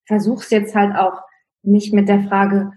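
A woman's voice: medium pitch, little pitch movement, unhurried, mellow. A woman speaking as an interview guest in casual conversation, reflective and thinking aloud with many fillers. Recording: roomy echo.

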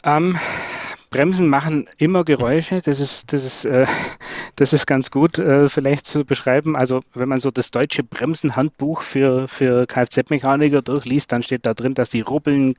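A man's voice: mid-range voice, steady tone, moderate pace, darkish tone, no echo. A man explaining trailer brakes in a podcast conversation, thoughtful and technical, with frequent fillers and repeated words. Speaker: trailer brake expert guest.

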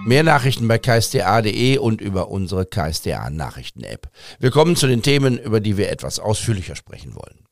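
A man's voice: fairly low pitch, big pitch swings, fast talker, creaky, faint music behind. A man hosting a news podcast, presenting scripted news.

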